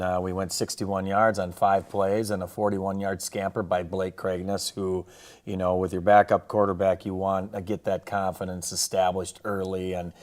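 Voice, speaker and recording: Using loose coaching slang, this man recaps a football match and its standout moments in a relaxed way. He coaches the sport, and his voice carries a darkish tone.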